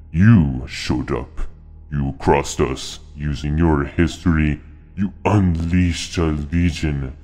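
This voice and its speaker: A man voicing a deep, slow-talking criminal bear. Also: darkish tone. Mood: ominous. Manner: slow, ominous monologue. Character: deep-voiced scheming male bear. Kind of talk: game character monologue.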